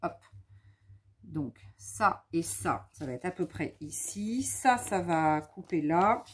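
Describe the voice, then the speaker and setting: Slow and expressive, a woman with a lowish voice hosts a laid-back craft demonstration on scrapbooking, sounding tired. She thinks aloud and teases herself in fun as she works, over a slight hiss or hum.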